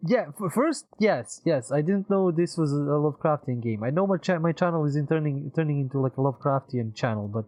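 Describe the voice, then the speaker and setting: A man's voice: a little high, animated, brisk, hardly any pauses, a little mellow, no room sound, poor audio. A man streaming a video game in casual chat, swearing often and laughing readily. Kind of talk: casual let's-play chat.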